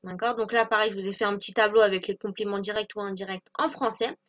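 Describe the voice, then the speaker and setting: A woman's voice: medium pitch, fairly even intonation, fast. A woman teaching an online English lesson, explaining patiently and often checking with "d'accord?". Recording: slightly dull lo-fi audio.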